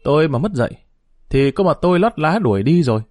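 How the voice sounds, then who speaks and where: A shrill, sharp-tongued young daughter-in-law, put on by a male storyteller, her voice pushed well above his own and biting. She scolds fast in a cutting, scornful tone. The read is close and dry. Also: very animated, no echo. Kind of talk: dramatized story reading.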